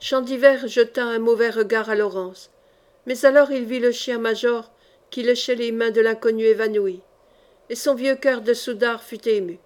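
Woman reading a historical novel aloud. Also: a little high. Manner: measured, steady storytelling. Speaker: audiobook reader. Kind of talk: audiobook narration of a historical novel.

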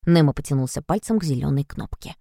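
Low-voiced woman reading a storybook. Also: quick pace, dry recording, studio quality. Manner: even, clear reading-aloud delivery. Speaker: narrator. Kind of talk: storybook narration.

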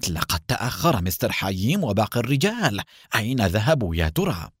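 A man voicing a nervous spy underling in a storybook reading, asking hurried, anxious questions. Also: fairly low pitch, very animated, slightly rough, no echo, studio quality.

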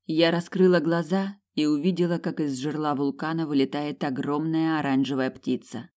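An audiobook narrator reading a first-person fantasy romance with expressive delivery. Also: medium pitch, normal speed.

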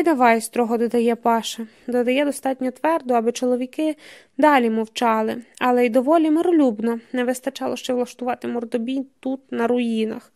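A woman narrating an audiobook in a measured, even storytelling manner. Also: on the high side.

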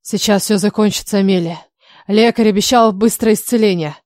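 A woman reading an audiobook voices a young male king who barks orders loudly and scolds his guards. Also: mid-range voice, a little fast, no echo, clean studio sound, close to an everyday voice. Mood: tender. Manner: loud, barking orders. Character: young male king, commanding and hot-tempered.

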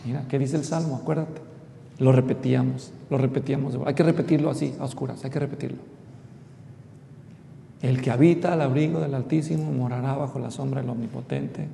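Middle-aged man, pastor preaching, gravelly voice, echoey hall, faint rumble. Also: steady tone, brisk, mellow. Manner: storytelling, addresses the congregation directly. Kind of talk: expository sermon. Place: church hall.

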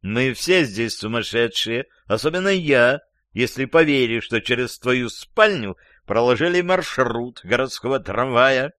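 A man's voice: mid-range voice, animated, unhurried, a bit bright, no echo, studio quality. A male audiobook reader voicing a jealous, sarcastic lover who jeers and gloats. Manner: sarcastic, gloating, laughing wildly. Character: angry, sarcastic jealous lover, adult man.

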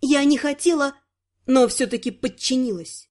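High mellow-voiced woman narrating. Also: normal speed, a little hiss or hum. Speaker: audiobook narrator. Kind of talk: first-person fantasy audiobook narration.

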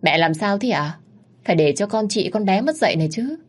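A woman voicing a sharp-tongued, scheming young mistress in a storybook reading. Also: medium pitch, expressive, a little fast, pitched above the performer's own voice, lightly acted. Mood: shrill.

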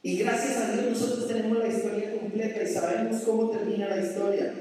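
Spanish lady pastor preaching, warm mellow tone, sounds far off in a big echoey church. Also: mid-range voice, fairly even intonation, a little fast. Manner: storytelling, acts out pleading prayers. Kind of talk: sermon.

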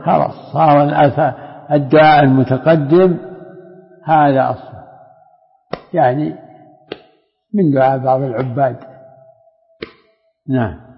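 Older man, gravelly voice, sheikh explaining a text, reverberant hall, dull lo-fi recording. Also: mid-range voice, fairly even intonation, measured pace, pauses often. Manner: questioning the reader, asking him to repeat and explaining. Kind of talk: lesson commentary on a read text.

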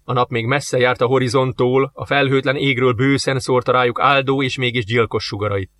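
A man narrating an audiobook with steady storytelling. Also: medium pitch. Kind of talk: scripted narration.

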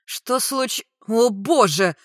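A woman's voice: on the high side, lively intonation, normal speed, no room sound, clean studio sound, voice pushed up. A fiery, indignant young woman, as a reader puts her on. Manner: loud, sharp exclamations.

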